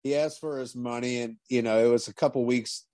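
A man's voice: medium pitch, fairly even intonation, fairly quick, warm tone, no room sound. A man casually telling a rambling road story, swearing freely and acting out what others said. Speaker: touring drum tech guest.

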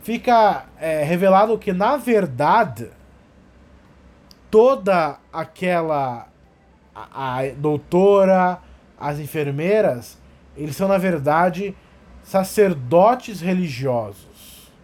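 High-voiced animated man. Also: slow. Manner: animated, profane, acts out scenes. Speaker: podcast talker. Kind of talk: casual comedic storytelling.

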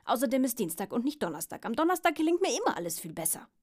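Woman doing a bragging stubborn pug dog, loud and blustering, high and shouty, husky storybook voice. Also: big pitch swings, very fast. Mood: indignant.

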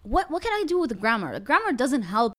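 Animated young woman. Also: fairly high pitch, fairly quick. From Iraq. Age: young adult. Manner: animated, laughing storyteller. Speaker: YouTuber guest. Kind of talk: casual interview chat.

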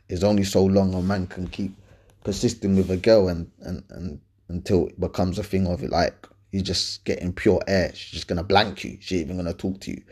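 A man's voice: lowish voice, mellow, breathy edge. A man with an urban London roadman accent hosting a casual advice podcast, speaking colloquially and emphatically, often repeating points and checking that the listener follows. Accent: London, urban roadman slang. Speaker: podcast host answering listener questions.

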